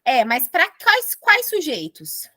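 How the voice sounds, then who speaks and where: A Brazilian Portuguese-accented woman teaching English grammar with playful, animated explanations. Her voice sits high, and the sound is dry and close with no room around it. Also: slow, dry recording. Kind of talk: classroom grammar lesson.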